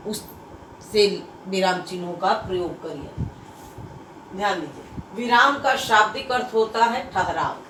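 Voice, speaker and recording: A woman teacher explains a grammar point to her class, going over each phrase slowly and stressing the key words. Her fairly high voice comes from a distance in a roomy space. Faint ambient noise sits underneath. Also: fairly bright tone.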